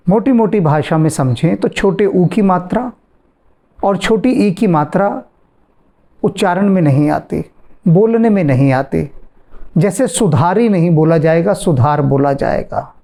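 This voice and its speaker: A man teaches in a devotional question-and-answer talk, taking his time over every phrase. His voice sits a little high but sounds dark and mellow, with a gravelly texture. He circles back to the same words again and again to drive the point home. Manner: slow, deliberate explaining, repeats phrases for emphasis. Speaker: spiritual teacher.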